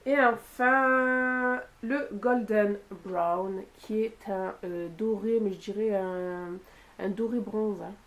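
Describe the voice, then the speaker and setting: A woman's voice: medium pitch, fairly even intonation, slow, dark tone. Chatty French-speaking woman, beauty haul. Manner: chatty, with frequent fillers and "voilà". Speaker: beauty youtuber. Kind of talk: casual product haul talk to camera.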